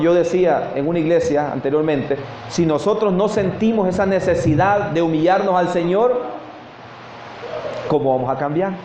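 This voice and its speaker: A high-voiced man preaches earnestly, calling out to his brethren and answering his own questions. The sound is roomy and a little dull, with faint hiss beneath. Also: darkish tone. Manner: earnest, repeats "mis hermanos", asks and answers questions. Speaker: pastor. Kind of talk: sermon. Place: church service, morning.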